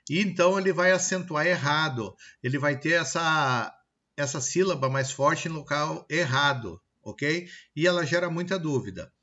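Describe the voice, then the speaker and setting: A man with a Brazilian Portuguese accent teaching a recorded grammar lesson, checking in with "tá?" and sounding out example words slowly. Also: fairly high pitch, sharp tone, lo-fi sound. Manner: explanatory, pausing with frequent "tá?" and "ok?" checks; slow, deliberate word-by-word example pronunciations.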